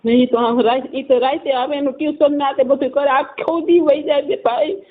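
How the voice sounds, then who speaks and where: Middle-aged woman caller, high voice, rambling and hesitant, tinny phone line. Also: steady tone, normal speed. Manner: hesitant, rambling, restarts often. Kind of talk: phone call complaint.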